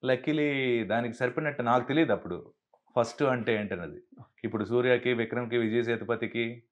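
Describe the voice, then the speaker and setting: A man's voice: mid-range voice, brisk, highs cut off. A man who works as a dubbing artist, telling stories in a casual interview and acting out the voices of people he quotes. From Andhra Pradesh, India. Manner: animated, acts out quoted dialogue.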